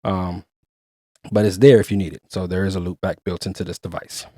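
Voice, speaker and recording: A man's voice: sits low, level tone, brisk, dark tone, no room sound, studio quality. A man hosting a casual product review, chatty and explaining features step by step. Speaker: gear reviewer and host.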